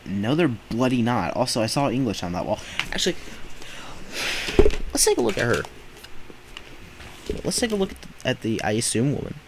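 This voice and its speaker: A man's voice: medium pitch, sing-song, moderate pace, long pauses, background noise. A man hosting a reaction video, talking back at clips in indignant, emphatic rants. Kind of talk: reaction commentary.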